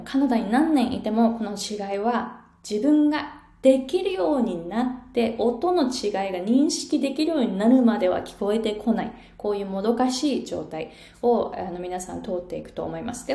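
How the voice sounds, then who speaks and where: A woman English pronunciation coach giving an online lesson in an animated, coaxing way, often acting out sounds as she explains. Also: medium pitch, echoey room.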